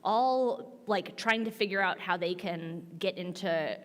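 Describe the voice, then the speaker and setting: A middle-aged American woman telling a personal story in an animated, informal way, often saying "like" as she goes. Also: fairly low pitch, a little slow. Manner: informal, frequent "like" as filler, laughs while telling. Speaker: minister and guest on a panel. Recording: echoey hall with long reverb.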